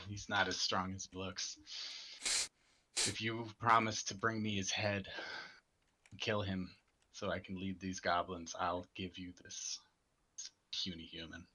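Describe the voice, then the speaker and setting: A man voicing a creepy, raspy male goblin lieutenant who schemes to take over his gang. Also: low-pitched, level tone, unhurried, pauses often, bright, forceful tone, heavily acted. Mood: scheming.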